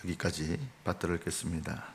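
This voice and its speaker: A man's voice: low-pitched, level tone, fast, vocal fry, slight background noise. A male pastor preaching an early-morning sermon in a church sanctuary, earnest and building in emphasis, sometimes acting out the voices of mockers and angry replies.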